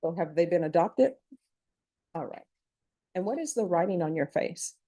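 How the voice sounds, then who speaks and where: Courtroom recording: a woman judge with a mellow, dark voice and a brisk, formal delivery. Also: fairly low pitch, animated. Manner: brisk, formal, reads set questions. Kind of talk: formal plea admonishments.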